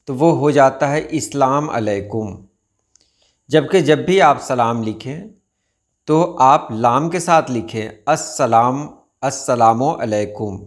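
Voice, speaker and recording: Slow, deliberate male Urdu teacher. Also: on the high side. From India. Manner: slow, deliberate, repeats each word for correction. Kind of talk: pronunciation lesson.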